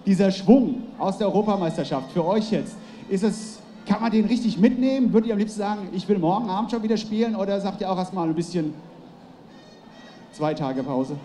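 A man's voice: sits high, brisk, mellow, faint music behind. A man hosting a live stage interview, asking questions and rallying the audience with energy. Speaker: event host and interviewer.

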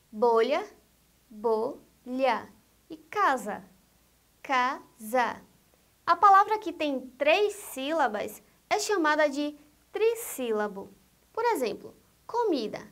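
Brazilian woman teacher, high-pitched, slow and deliberate, spells out syllables for young students. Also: fairly bright tone. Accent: Brazilian Portuguese. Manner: slow, deliberate, repeats each example word. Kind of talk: recorded grammar lesson.

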